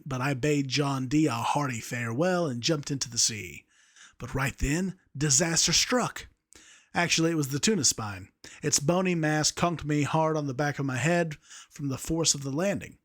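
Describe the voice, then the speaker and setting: A man's voice: medium pitch, moderate pace. A young man reading a story aloud, amused by the text he narrates. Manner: amused, breaks off to laugh at the text.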